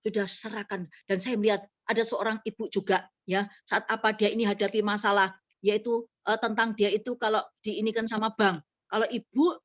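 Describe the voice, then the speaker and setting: A woman's voice: medium pitch, level tone, fairly quick, muffled recording. A middle-aged woman preaching a sermon, telling testimonies and acting out the dialogue in them, then building into emphatic exhortation. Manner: storytelling, acts out dialogue, rising emphatic exhortation.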